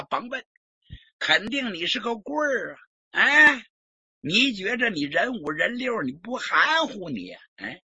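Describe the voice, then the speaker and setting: A man's voice: high voice, sharp tone, slightly rough, no echo, pitched above the performer's own voice, heavily acted. A man acting a bellowing arrogant prince, dull lo-fi recording. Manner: bellowing, imperious, mocking. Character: arrogant hot-tempered young male prince commander.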